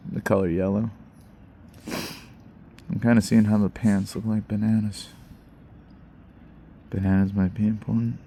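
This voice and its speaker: A man's voice: on the low side, level tone, measured pace, creaky, pauses often, mellow, slight background noise. A man giving a casual, rambling fireside monologue to viewers in slangy, musing talk, recorded outdoors by a campfire. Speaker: host.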